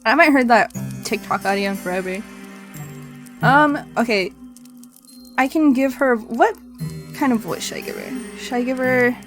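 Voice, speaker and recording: A woman's voice: a little high, normal speed, pauses often, soft background music. A woman streamer reading a visual novel aloud in literary narration, with playful casual asides.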